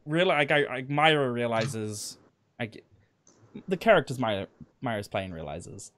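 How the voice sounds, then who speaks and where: A man speaking as a player in a tabletop game, quick and hesitant with many restarts. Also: mid-range voice, lively intonation, fairly bright tone, slight background noise. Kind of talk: casual tabletop game talk.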